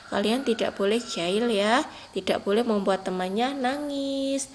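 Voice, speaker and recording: A young woman, teaching a lesson to small children in a patient, gentle way and reading example sentences with lifted emphasis. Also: on the high side, slight background noise, low-quality recording. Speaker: primary school teacher. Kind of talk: recorded online class lesson for young children.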